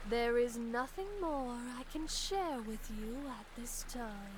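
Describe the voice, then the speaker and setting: A woman's voice: fairly high pitch, expressive, takes it slowly. A woman playing a theatrical fortune teller in a video game, with a grandiose, mystical, old-fashioned delivery. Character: theatrical female fortune teller, secretly a scolding groundskeeper. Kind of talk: video game character acting.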